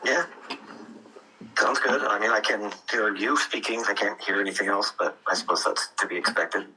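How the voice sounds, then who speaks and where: A man reporting as town auditor over a speakerphone, speaking in a measured way with frequent ums. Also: on the low side, pushed and bright. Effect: heard over a speakerphone. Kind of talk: business call report. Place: phone call into a meeting room. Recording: distant speakerphone with background noise.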